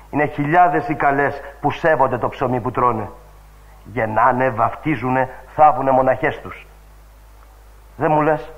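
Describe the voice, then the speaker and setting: A man's voice: medium pitch, lightly acted. A man reading the part of a sailor who earnestly defends sailors' wives, in a dull old radio recording. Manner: earnest, reproachful.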